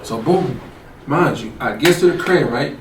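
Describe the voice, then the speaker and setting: A man's voice: mid-range voice, normal speed, background noise. A young man, co-host of a casual chat show, telling a story and acting out the dialogue. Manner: animated, acts out quoted dialogue. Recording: echoey room, mic at a distance.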